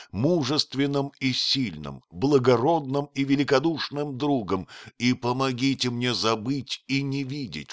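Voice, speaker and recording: A man's voice: on the low side, fairly bright tone, no echo, clean studio sound. A man voicing a young prince who pleads with passion. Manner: impassioned, imploring.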